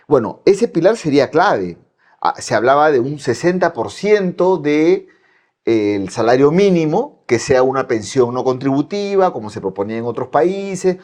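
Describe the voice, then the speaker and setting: A man's voice: fairly high pitch, sing-song, normal speed, a little mellow. A man hosting a political discussion, conversational, agreeing with his guest and summing up his points. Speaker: host.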